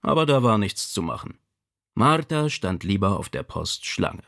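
Brief: male audiobook narrator, expressive and measured, gravelly edge. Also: lowish voice. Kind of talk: scripted narration.

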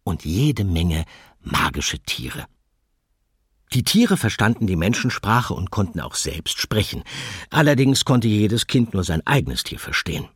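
A man narrating a children's audiobook in an expressive storytelling manner. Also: low-pitched, husky, dry recording, studio quality.

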